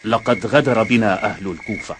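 A man acts out a grave, betrayed loyalist in an Arabic historical drama. His lowish, subdued voice speaks formal Classical Arabic over a noisy track with night insects. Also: a little fast, lightly acted.

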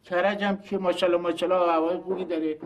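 A man's voice: sits high, level tone, highs cut off, background noise. An actor playing a self-righteous eldest brother who scolds and insults his siblings over an inheritance. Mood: lecturing. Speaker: eldest brother in a family quarrel. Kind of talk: TV drama acting.

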